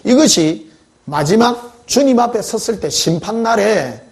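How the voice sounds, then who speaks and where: A man's voice: sits high, animated, measured pace. A male pastor preaching a sermon in church, telling stories in a conversational way and putting questions to the congregation.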